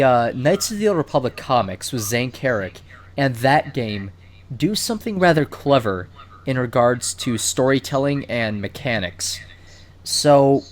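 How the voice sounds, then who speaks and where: A man hosting a casual podcast, rambling enthusiastically and swearing casually, recorded over a voice call. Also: mid-range voice. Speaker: podcast host. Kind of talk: casual chat. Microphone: computer mic on a voice call.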